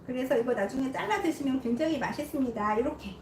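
Chatty female home-cooking host, high lively voice, echoey kitchen, mic set back. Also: fast, a little hiss or hum. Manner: chatty, keeps checking viewers can see. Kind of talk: cooking demonstration. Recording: echoey room, distant mic.

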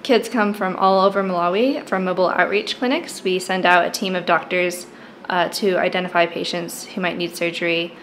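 An American woman in her twenties, a charity coordinator, explaining her work in a relaxed way with frequent ums. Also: fairly low pitch, moderate pace, slight background noise, poor audio. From United States. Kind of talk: casual explanatory talk.

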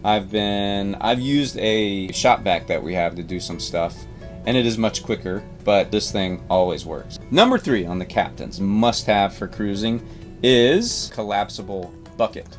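A man's voice: fairly low pitch, measured pace, faint music behind. Easygoing middle-aged man in a boat cabin. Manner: easygoing, rambling, self-amused. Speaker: boat captain and channel host. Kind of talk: casual product rundown. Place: inside a boat cabin with big windows.

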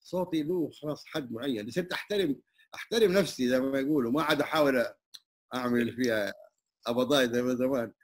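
An older Saudi man with a Hijazi Arabic accent, a traditional singer and muezzin, is being interviewed in an open conversation at a community hall. His medium-pitched voice moves fast, and he speaks humbly yet emphatically, using many religious phrases.

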